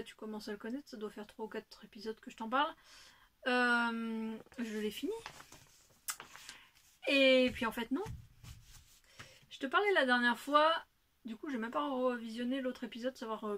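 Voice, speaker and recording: A woman's voice: on the high side, a bit bright. A woman hosting a knitting video podcast, talking casually and rambling with many hesitations. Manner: rambling, chatty, full of hesitations. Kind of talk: casual chat.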